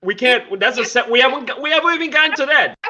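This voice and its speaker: Man, podcast co-host, bright high voice, insistent, teasing, slightly muffled lo-fi audio. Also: lively intonation, quick pace. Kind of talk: casual debate chat.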